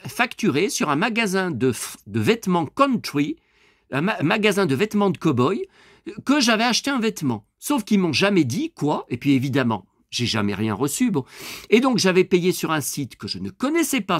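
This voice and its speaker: A middle-aged man talking to camera in a loose, rambling vlog, blunt and quick to swear, with lots of fillers and restarts. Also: sits high, no room sound, studio quality. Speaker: vlogger. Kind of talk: casual rambling vlog monologue.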